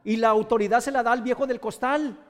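High-voiced Mexican preacher in a reverberant hall. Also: male voice, steady tone, quick pace, a bit bright. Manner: addresses listeners directly with pointed rhetorical questions. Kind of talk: sermon.

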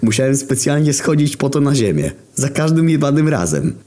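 A man's voice: medium pitch, sing-song, normal speed, mellow, pitched above the performer's own voice, close to an everyday voice. A man voicing a carefree, foul-mouthed Jesus complaining in a spoken story.

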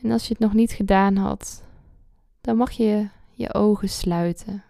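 A woman leading a guided meditation slowly and soothingly, close to the ear, her soft voice sinking into a breathy whisper at phrase ends. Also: medium pitch, fairly even intonation, no echo. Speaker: podcast host.

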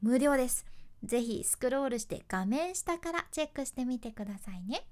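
A woman radio announcer with a Hakata dialect, hosting a chatty advice podcast and explaining with lively asides. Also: high-pitched, a little fast. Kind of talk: casual spoken advice podcast.

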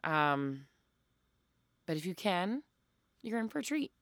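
Low-voiced woman podcast host, dry and close. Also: very animated, slow, a bit bright, no echo. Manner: self-deprecating. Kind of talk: casual podcast chat.

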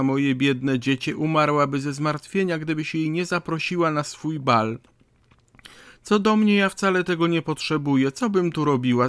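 A man's voice: medium pitch, dry recording, clean studio sound, lightly acted. A man reading a storybook, voicing a pushy, effusive upstart society lady who begs for favors. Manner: pleading, effusive.

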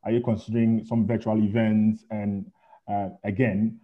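A man with a fairly low voice moderates a meeting through dull, lo-fi audio. He puts questions in a loose, unscripted way, stopping and restarting as he goes. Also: level tone. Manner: halting, tentative phrasing with repeated words. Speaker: moderator relaying audience questions. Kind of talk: unscripted moderating of a town hall. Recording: dull, lo-fi online call audio.

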